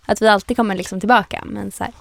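A woman's voice: medium pitch, vocal fry, no room sound, studio quality. A young woman co-hosting a podcast, chatting casually and telling stories with lots of giggles. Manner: giggly, animated storytelling. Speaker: podcast co-host. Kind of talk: casual chat.

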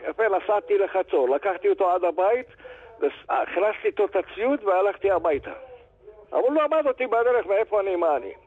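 An older man and grandfather calling in to a radio show, telling a story in an animated way and acting out the dialogue. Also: high-pitched, husky. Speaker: caller. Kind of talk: phone-in storytelling. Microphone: telephone. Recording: tinny phone line.

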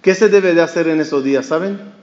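High-voiced rabbi preaching in echoey hall. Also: male voice, a little fast. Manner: animated, asks the audience questions, acts out quoted lines. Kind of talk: sermon with storytelling. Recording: dull, echoey hall recording.

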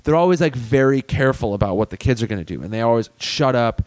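This man talks in a loose, rambling way, full of "like" and restarts as he recalls things. His voice is smooth and resonant, and the recording is close and dry with no room sound. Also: mid-range voice, animated, fast talker, darkish tone, dry recording. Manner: rambling, filler-heavy storytelling. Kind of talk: casual chat.

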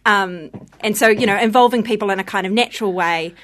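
A woman's voice: medium pitch, a little fast, a bit bright. A woman with a broad New Zealand accent, explaining things informally and a little hesitantly as a guest in a casual interview. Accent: broad New Zealand (Kiwi). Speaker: theatre company performer, interview guest.

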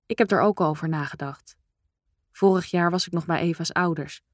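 A woman reading a first-person novel aloud in a calm, measured, introspective way. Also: fairly low pitch, no echo, studio quality. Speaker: audiobook narrator. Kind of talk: first-person literary narration.

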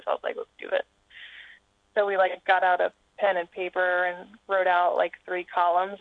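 Gravelly woman on a tinny phone line. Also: on the low side, no echo. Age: 30s. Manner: chatty, filler-heavy, rambling. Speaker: guest. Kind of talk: casual chat over a phone line.

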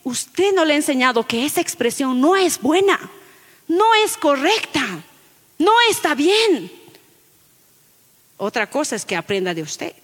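A woman pastor giving an animated sermon to her congregation, calling listeners "brother" and acting out children's lines. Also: high-pitched, measured pace, long pauses, long reverb tail. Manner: animated, acts out children's voices in quotes, addresses listeners as brother.

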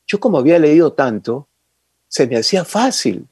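An older man, telling long animated stories as an interview guest. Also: a little high, normal speed, husky, dry recording. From Ecuador. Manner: animated, rambling reminiscence with sound effects. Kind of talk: casual storytelling interview.

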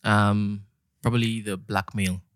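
A man's voice: on the low side, flat delivery, unhurried, no echo. A man, a podcast guest chatting casually in a dry, evasive manner. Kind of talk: casual chat.

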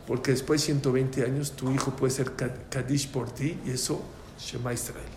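Background noise and an echoey room with faint ambience surround a man teaching a lively religious prayer class. His mid-range voice moves at normal speed as he animatedly tells anecdotes and acts out the voices.

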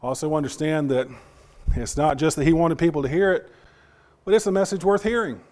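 His voice still half gone and on the mend, a man delivers a sermon to the congregation in fits and starts, repeating himself and quizzing those listening. The voice leans high and is a touch mellow.

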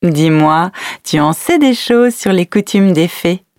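A woman's voice: fairly low pitch, lively intonation, a little slow, a little mellow, dry recording, clean studio sound. A woman playing a patient, tender mother who tells her children a fairy tale at bedtime. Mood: gentle storytelling. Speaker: storyteller. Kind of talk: audio story, bedtime storytelling.

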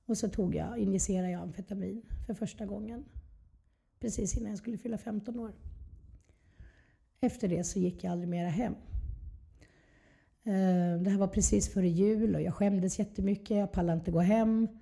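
Very dark, creaky-voiced woman. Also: mid-range voice, steady tone, long pauses. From southern Sweden. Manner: candid, reflective. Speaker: interview guest. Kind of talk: personal storytelling in conversation.

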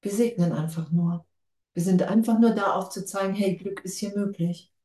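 A woman's voice: medium pitch, normal speed, warm tone, reverberant. A woman giving a spiritual talk to a group, casual and enthusiastic, laughing often. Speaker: spiritual teacher.

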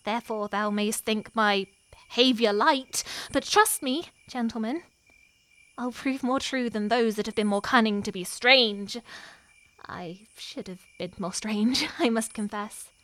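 A woman performing a lovestruck, wary young noblewoman in a Shakespearean scene, her delivery moving between hushed and impassioned. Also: on the high side, measured pace, dry recording, rough recording. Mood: longing. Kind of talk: Shakespearean stage acting.

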